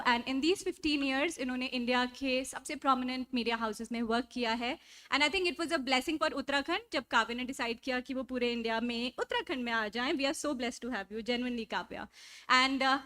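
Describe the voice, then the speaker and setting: A woman's voice: high-pitched, bright, forceful tone. A woman with a North Indian accent hosting a live event, introducing guests in an effusive, enthusiastic style. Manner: effusive, gushing. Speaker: event host introducing panelists. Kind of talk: enthusiastic live stage presenting, mixing English and Hindi.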